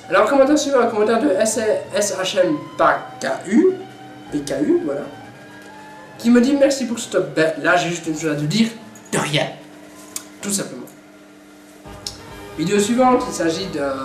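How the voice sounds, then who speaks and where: Young male vlogger, high voice, joking chatter, roomy sound with faint music underneath. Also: darkish tone. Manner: chatty, jokey, repeats words. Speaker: YouTuber reviewing his own videos. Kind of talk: casual vlog chat.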